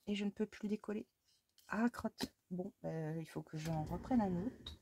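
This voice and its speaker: A French woman with a lowish voice chats casually at a normal pace, against a noisy background, in a crafting vlog while she works on a scrapbook. She mutters to herself, exclaims at small mishaps, and talks fondly to her cat between steps.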